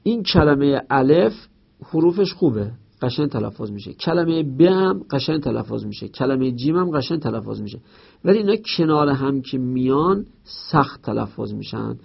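Male teacher, gravelly voice, explains a textbook with homely examples; slightly dull recording. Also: medium pitch, lively intonation. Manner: explains with everyday examples and reads out Arabic text.

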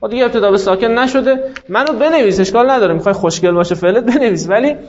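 Man, teacher, classroom lecture, high voice, explains patiently, poses questions and answers them, muffled lo-fi sound. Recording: dull lo-fi recording.

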